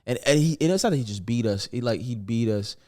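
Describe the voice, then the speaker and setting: A young man, a comedian guest on a podcast, telling joking stories in a loose, animated way that often trails off and restarts. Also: medium pitch, quick pace. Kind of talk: casual storytelling interview.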